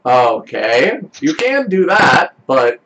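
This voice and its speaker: A man's voice: takes it slowly, highs cut off. A man running a tabletop role-playing game as game master, casual and often laughing. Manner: animated, laughing, lively pitch swings.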